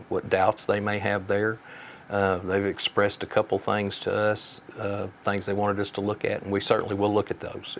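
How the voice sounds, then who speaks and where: A man speaking as a sheriff in an interview, giving measured answers in a plain-spoken, folksy way. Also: lowish voice, a little hiss or hum.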